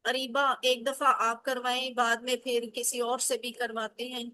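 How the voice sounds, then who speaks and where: A woman's voice: a little high, level tone, bright, forceful tone. A woman teaching an online grammar class, patiently drilling word forms and asking students questions.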